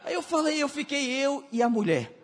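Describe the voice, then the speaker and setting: A male pastor preaching and telling animated stories, acting out other people's voices and shouting at the climaxes. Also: very high voice, moderate pace. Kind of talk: sermon with storytelling. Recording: hall reverb.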